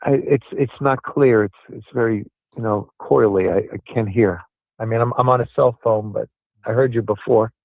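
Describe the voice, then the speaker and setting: A man's voice: fairly low pitch, fairly even intonation, normal speed, vocal fry, no echo. An older man, a city commissioner, calling in by cell phone and answering interview questions in an earnest, emphatic way that repeats his points. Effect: heard over a cell phone line. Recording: tinny dry phone line.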